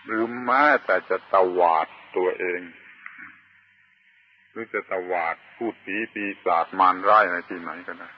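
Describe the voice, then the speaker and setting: A man preaching a Buddhist sermon, slow and deliberate, pausing often and stressing key words. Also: deep voice, husky, dull audio. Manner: slow and deliberate, with long pauses and emphatic chanted words. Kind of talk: Dharma sermon.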